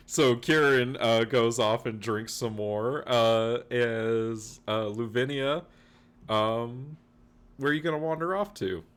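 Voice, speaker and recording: A man's voice: mid-range voice, slow pace, fairly bright tone, clear, resonant tone. A man narrating as game master, chatty and laughing often.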